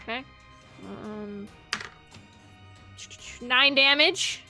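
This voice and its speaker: Bright, high-pitched woman gamer. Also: slow, faint music behind. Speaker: tabletop game player. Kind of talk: casual game chat.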